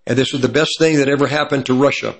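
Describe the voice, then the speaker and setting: Reading aloud from an article, a man delivers prophecy commentary in a steady, mid-range voice made slightly raspy by hay fever. Now and then he stops partway through a sentence to correct himself.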